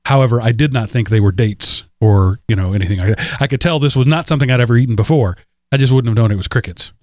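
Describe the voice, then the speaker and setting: A man hosting a casual podcast, talking in a rambling, chatty way full of fillers and little laughs. His voice sits at a middling pitch and is recorded close and dry, with no room sound. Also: fast talker, darkish tone, no room sound. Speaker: podcast host. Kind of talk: casual chat.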